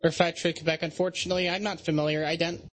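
A man's voice: on the high side, level tone, fast. A man working as an air traffic controller, giving procedural radio instructions.

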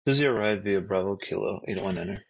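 A man's gravelly, fairly low voice comes through as a pilot over the radio, narrowed and dulled by the transmission. He keeps his calls terse and clipped, reading back instructions in standard aviation phrasing. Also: fast talker, no room sound. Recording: band-limited radio transmission.

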